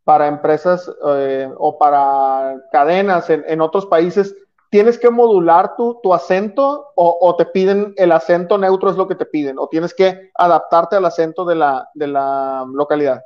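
A man's voice: fairly high pitch, a little slow, a little mellow, dull audio. A man, co-hosting a casual talk show and cutting in with questions. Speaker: co-host.

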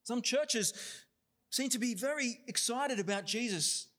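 A man's voice: very high-pitched, unhurried, fairly bright tone. A man reading scripture steadily, then preaching with many fillers and restarts.

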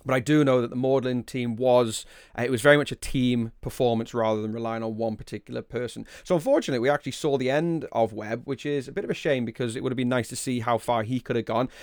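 A podcast host from the Wirral in north-west England talks fast and chatty, giving commentary and asking questions during a conversational quiz recap and interview. His medium-pitched voice is a little mellow and clean, recorded dry with studio quality.

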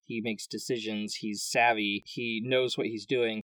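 A man's voice: on the low side, a little slow, dry recording, recorded from a distance. A young adult man co-hosting a podcast in casual chat. He jokes and teases as he talks. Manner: animated, joking and teasing. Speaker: podcast co-host.

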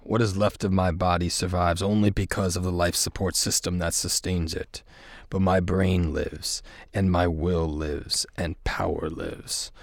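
Darth Vader, read by a man, deep and gravelly. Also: flat delivery, dry recording, studio quality, exaggerated voice. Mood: tempting. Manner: slow, persuasive, measured line reading. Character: menacing dark male lord, tempting, commanding. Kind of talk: script table read.

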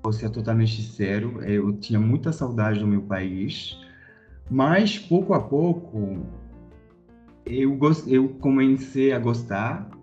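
On a podcast, a French corporate director in his thirties talks slowly and hesitantly about his career, with frequent fillers and restarts. His accented, medium-pitched voice has lively intonation and is a little mellow. The sound is lo-fi, with faint music behind him.

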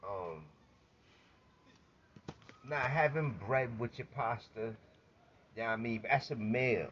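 A man's voice: medium pitch, slow, a bit bright. A man in casual banter, emphatic and swearing freely, repeating himself to make his point. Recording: dull lo-fi sound with faint noise.

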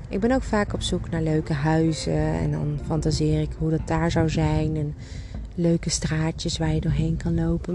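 Prominent music plays under a woman with a fairly low voice and a Dutch accent from the Netherlands. She talks as a podcast host in a casual, encouraging way. Her monologue speaks straight to the listener, like an informal walking companion. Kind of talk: casual chatty guided-walk monologue.

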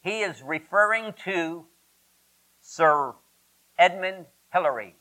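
A man's voice: a little high, animated, takes it slowly, sharp tone, poor audio. A man preaching a sermon emphatically, asking rhetorical questions and drawing out repetitions. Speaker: pastor.

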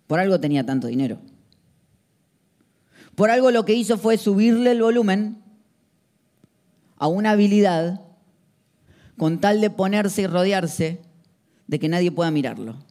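A man's voice: high voice, a little mellow. A man preaching a sermon, emphatic and full of rhetorical questions.

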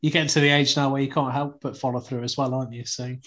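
A man's voice: mid-range voice, little pitch movement, fast talker, a bit bright. A man hosting a football podcast, asking guests leading questions in a chatty, teasing way. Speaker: podcast host.

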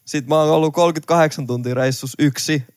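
A man's voice: fairly high pitch, no echo, studio quality. Young man telling a travel story. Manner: animated, laughing, swearing. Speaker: podcast co-host. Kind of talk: casual storytelling.

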